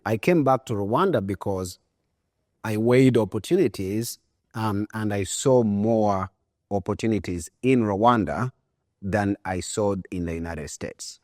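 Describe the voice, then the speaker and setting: A man in his forties from Uganda, a guest on a podcast, talks in a relaxed, reflective way and often pauses on fillers. His voice is very low and recorded dry and close. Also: no room sound. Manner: relaxed, thoughtful, with frequent fillers. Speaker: guest entrepreneur. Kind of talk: conversational interview.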